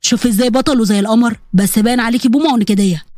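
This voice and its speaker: A woman's voice: on the high side, very fast, a little mellow, no echo, studio quality, pitched below the performer's own voice, lightly acted. Woman voicing a taunting Egyptian male blackmailer. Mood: menacing. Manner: taunting, threatening. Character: menacing young male blackmailer.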